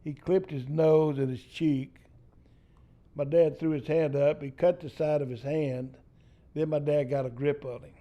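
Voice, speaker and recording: A man's voice: fairly high pitch, fairly even intonation, measured pace, dull audio. An older man from East Texas with a Texan accent, telling a profane family story in casual storytelling style. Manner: salty, profane yarn-spinning.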